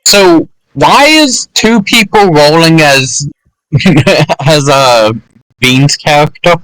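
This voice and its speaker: Bright, lively man at the game table. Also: a little high, takes it slowly, smooth, no echo, low-quality recording. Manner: jokey, easily confused. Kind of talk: casual game chat.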